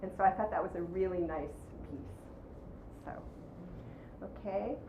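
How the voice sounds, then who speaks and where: A woman's voice: lowish voice, unhurried. A woman giving a workshop talk to an audience, taking questions and acting out scenes as she tells them. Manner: animated storyteller, acts out quoted voices. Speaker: workshop presenter. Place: room with audience. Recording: roomy, dull lo-fi sound with faint noise.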